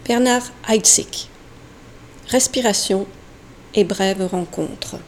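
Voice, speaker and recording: A woman giving a slow, deliberate sound poetry recitation, halting with long pauses and now and then dropping to a whisper. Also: mid-range voice, a little mellow, slight background noise. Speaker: poetry reader.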